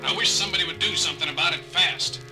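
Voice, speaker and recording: An actor playing a gruff, worried male ship's doctor who talks in a blunt, harried way. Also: on the high side, fast talker, music in the background, natural voice, rough recording.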